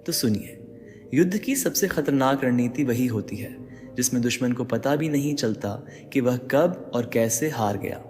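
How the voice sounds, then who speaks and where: A man's voice: medium pitch, a little slow, darkish tone. A man giving dramatic motivational narration, speaking straight to the listener with rhetorical questions. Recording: long reverb with faint background music.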